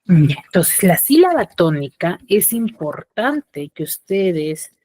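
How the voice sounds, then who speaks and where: Slow-talking low-voiced woman teacher. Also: big pitch swings, warm tone. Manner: slow and explanatory, often checks with "¿ya?" and "¿sí?". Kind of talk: online class lesson. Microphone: computer mic on a video call.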